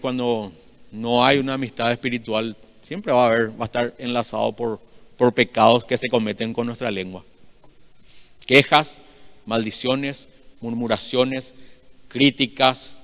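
Male pastor, forceful sermon delivery with sharp swings in volume, reverberant hall. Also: mid-range voice, moderate pace. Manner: loud, emphatic preaching with sudden swells and drops.

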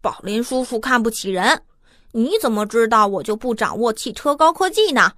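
A woman's voice: fairly high pitch, expressive, moderate pace, fairly bright tone, dry recording, clean studio sound. A woman voicing an eager, cheeky, confident child in a children's audio story. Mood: indignant, determined.

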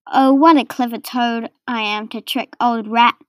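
A woman's voice: fairly high pitch, steady tone, a little slow, a bit bright, dry recording, studio quality. A woman reading a storybook, voicing a boastful, reckless male toad. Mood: gleeful. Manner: moaning, then gleeful and boastful.

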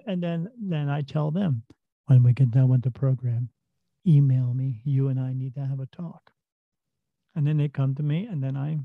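Gravelly rambling man, dull dry recording. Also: fairly high pitch, dry recording. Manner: rambling, repeats and restarts words. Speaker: psychic medium guest. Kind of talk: casual interview talk, storytelling.

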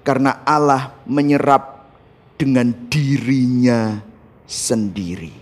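A man's voice: medium pitch, fairly even intonation, slow. A male pastor delivering a sermon with emphatic, impassioned preaching, addressing the congregation directly and dropping English words into his speech.

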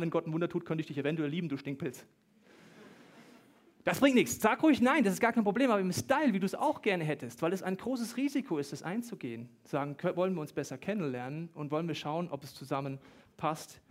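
A man in his thirties preaching a humorous sermon, lively, with joking asides and bursts of fast talk. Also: on the high side.

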